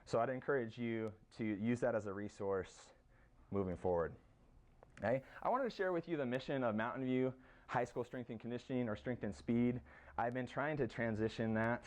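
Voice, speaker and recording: A man with an American accent, a high school strength coach giving a casual conference presentation, with plenty of fillers as he lists exercises. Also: moderate pace. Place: conference room.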